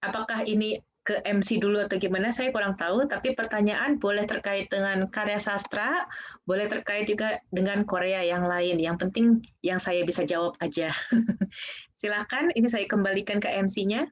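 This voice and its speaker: A woman's voice: medium pitch, steady tone, moderate pace. A woman guest speaker casually explaining Korean culture in an online Q&A, often saying "kayak gitu". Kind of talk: online presentation and Q&A. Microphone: video call. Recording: dull lo-fi video call audio.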